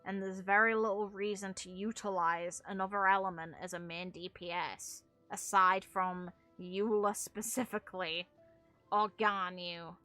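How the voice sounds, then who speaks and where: Bright and forceful at medium pitch, this woman's voice carries blunt, informal game commentary full of casual opinions. She's a gaming video creator and streamer who swears mildly.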